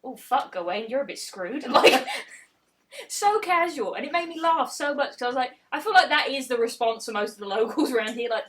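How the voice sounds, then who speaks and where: A woman in her twenties casually retelling a folk tale on a podcast, sweary and giggly, dropping into quick voices for the characters. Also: sits high, fairly bright tone. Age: 20s. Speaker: podcast co-host.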